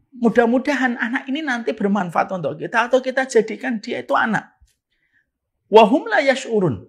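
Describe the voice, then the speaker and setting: A woman giving an Islamic sermon, shifting between soft low passages and sharp louder points. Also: husky. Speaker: preacher.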